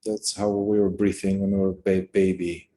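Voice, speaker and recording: A man leads a meditation in a calm, unhurried voice that sits on the lower side. His instructions are unscripted, with pauses left between phrases.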